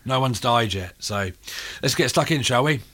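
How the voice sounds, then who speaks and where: Croaky, hoarse British male radio host. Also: mid-range voice, lively intonation, normal speed, a bit bright. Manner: jokey, informal banter. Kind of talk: casual interview chat.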